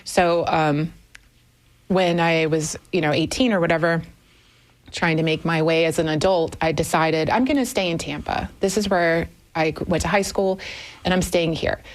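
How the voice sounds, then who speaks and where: A woman's voice: low-pitched, fairly even intonation, moderate pace. A woman in her fifties, a guest on a radio talk show, speaking candidly and thoughtfully, with frequent fillers. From Germany. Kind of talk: conversational radio interview. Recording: radio studio.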